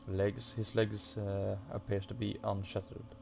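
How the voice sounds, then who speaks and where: A gaming video host walks through a game casually, hesitantly muttering to himself and reading on-screen text aloud. His voice is lowish, level, creaky and dark, a little slow, with a faint computer or room fan humming behind him.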